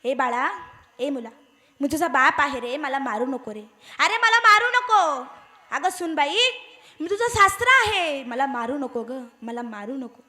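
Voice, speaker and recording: A woman's voice: sits high, lively intonation, unhurried, sharp tone, pitched below the performer's own voice, exaggerated voice. A woman voicing an old man reborn as a mouse, frantically pleading with his family not to beat him. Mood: frantic pleading.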